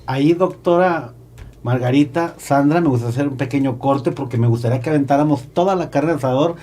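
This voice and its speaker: A man's voice: medium pitch, fast, dark tone. A man hosting a casual podcast interview, talking in a playful, slangy way and enjoying stirring up debate. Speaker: podcast host.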